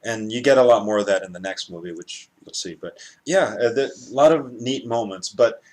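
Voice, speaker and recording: A man's voice: fairly low pitch, fairly quick, a little mellow, rough recording. A man hosting a casual film review chat, rambling a little and restarting his sentences. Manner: rambling, restarts, laughs often.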